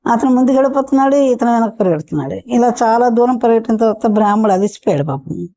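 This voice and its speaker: A woman's voice: on the high side, lively intonation, fast talker, warm tone, no room sound. Homely woman telling a children's folk tale. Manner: homely, repetitive, chatty telling. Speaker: storyteller. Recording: dull muffled recording.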